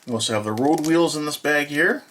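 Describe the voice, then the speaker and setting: A man's voice: on the high side, fairly bright tone. Hesitant man describing kit parts. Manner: hesitant, many filler pauses; plain, matter-of-fact describing. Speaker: hobby model builder. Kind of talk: unboxing walkthrough.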